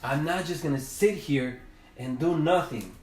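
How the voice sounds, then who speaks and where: A man's voice: a little high, unhurried, darkish tone, close to an everyday voice. A small, brave hummingbird, voiced by a man telling a story that refuses to give up. He speaks in a near-normal man's voice, firm and resolute. It sounds echoey and a little distant from the mic. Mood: defiant. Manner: stubborn, resolute. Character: small, determined male hummingbird. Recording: roomy, from a distance.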